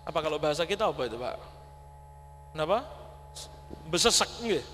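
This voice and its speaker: Male preacher, high voice, folksy sermon delivery, big reverberant mosque hall. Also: expressive, brisk. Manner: folksy, addresses audience as Pak, mixes Javanese words. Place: large mosque. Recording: long hall reverb, faint hum.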